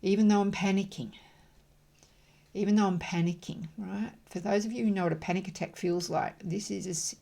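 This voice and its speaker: A middle-aged woman with a medium-pitched voice and noticeable vocal fry walks listeners through emotional freedom tapping. She chats calmly to explain, then repeats affirmations slowly and rhythmically.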